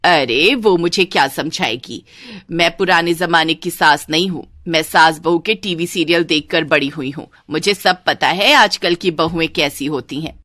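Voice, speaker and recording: A woman voicing a stern, scolding middle-aged mother-in-law in a cartoon story, slow and commanding. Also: low-pitched, a bit bright, dry recording, studio quality, voice pushed down.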